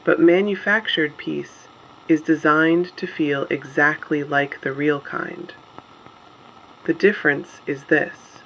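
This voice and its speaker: In this dystopian drama, a performer portrays a resolute, solemn radio host for the resistance, speaking gravely and deliberately in brief phrases. The medium-pitched voice is a bit bright, with slight background noise on a rough recording.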